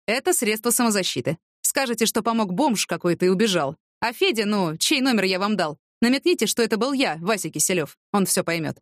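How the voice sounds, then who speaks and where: A wry, streetwise homeless man who drawls his mocking slang and likes to philosophize, as a woman reads him out. The pitch swings widely from line to line, and the sound is dry and close. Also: animated, a little fast, few pauses, no room sound, lightly acted.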